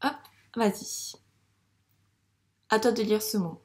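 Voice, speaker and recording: A woman teaching a reading lesson to young children in a patient, encouraging way, sounding out words slowly at the board. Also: mid-range voice, echoey room. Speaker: primary school teacher. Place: classroom with a board.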